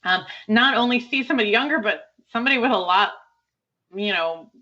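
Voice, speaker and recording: Bright-voiced woman podcast co-host. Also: a little high, fairly quick, dull audio. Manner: animated, laughs often while retelling scenes. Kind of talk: casual film review chat.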